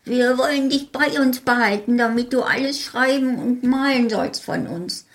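A woman doing an old bearded gnome man, solemn, formal, raised pitch, storybook. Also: normal speed, natural voice.

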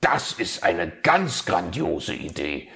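A man voicing an excitable, fussy male fox in a storybook tale, speaking high and loud. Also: unhurried, vocal fry, full character voice. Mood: eager.

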